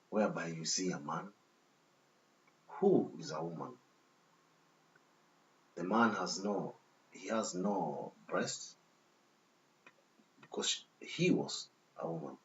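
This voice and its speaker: Deep-voiced man lecturing with a dull, hissy sound. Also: a bit bright. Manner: checks in with repeated "okay?" asides; disapproving, lecturing tone. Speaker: commentator reading from a text. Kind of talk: reading a text aloud with running commentary. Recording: dull lo-fi recording with faint hiss.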